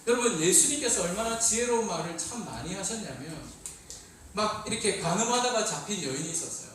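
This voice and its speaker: A man preaching a sermon to youth as pastor, lively and calling on listeners to read along, in a church hall. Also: high-pitched, brisk. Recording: very echoey hall, distant mic, faint hiss.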